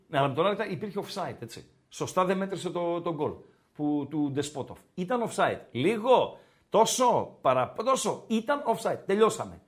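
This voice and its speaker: A man co-hosting a casual sports podcast, joking and ranting animatedly about referees. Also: high voice. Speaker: podcast co-host.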